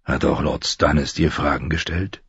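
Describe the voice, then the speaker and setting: A man voicing a stern, patient middle-aged noble lord in an audiobook, calm and firm. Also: very deep voice, normal speed, gravelly, breathy edge, no room sound, highs cut off, full character voice.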